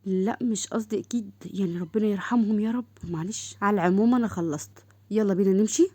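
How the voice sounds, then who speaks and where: A woman's voice: medium pitch, quick pace, dry recording, lightly acted. A woman doing a serious young woman officer. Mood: guarded. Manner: earnest, soft-spoken.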